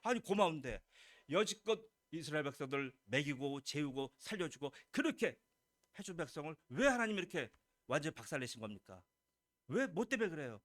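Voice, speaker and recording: A man's voice: fairly high pitch, very animated, a little fast, a bit bright, no echo, clean studio sound. A man, a pastor, preaching a Sunday sermon with emphatic questions to the congregation and lines acted out as God's words. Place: church sanctuary.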